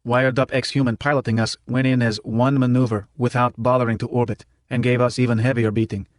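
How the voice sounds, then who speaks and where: A man's voice: medium pitch, level tone, fairly quick, dry recording, clean studio sound. A man narrating an audiobook in a clipped first-person voice that drops its articles. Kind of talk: scripted narration.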